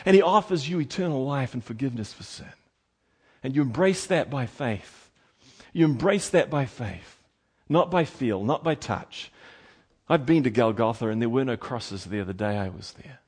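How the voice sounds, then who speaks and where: A man preaching a sermon with passion, moving from loud exhortation to hushed tones. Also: mid-range voice, animated, normal speed, slightly rough.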